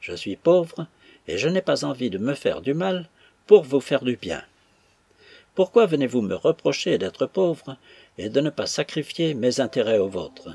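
Man playing a whiny, self-pitying young servant, gravelly and husky, animated. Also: medium pitch, normal speed, dry recording, exaggerated voice. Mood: whining, indignant. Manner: whining, tearful protest.

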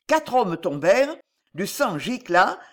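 An audiobook narrator reads a swashbuckling novel with dramatic expression. The pitch moves widely, rising and falling with each turn of the action. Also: sing-song, slow pace.

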